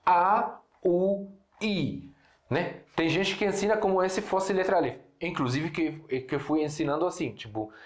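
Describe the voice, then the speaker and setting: A young man from Syria, fairly high-pitched and moderately paced, barely pauses while teaching an online Portuguese lesson. Arabic is his first language and shapes his accent; he explains patiently, often corrects himself and asks himself rhetorical questions. The recording has an echoey room sound.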